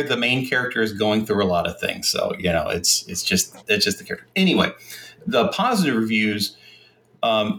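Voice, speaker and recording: A man's voice: on the low side, a bit bright. A man talking as a podcast guest in casual chat, rambling with many fillers.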